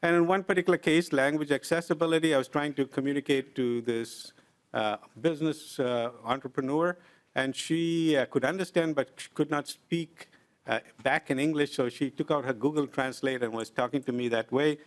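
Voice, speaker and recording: Speaking with a slightly high voice and fairly even intonation, a middle-aged man presents formal testimony to a legislative committee in its hearing room at their invitation. He's earnest and deliberate, uses examples to explain, and often pauses with "uh."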